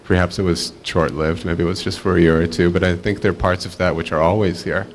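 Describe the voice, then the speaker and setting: A man's voice: low voice, fairly even intonation, quick pace, a little hiss or hum. A man from Israel speaking reflectively on a panel, with many fillers.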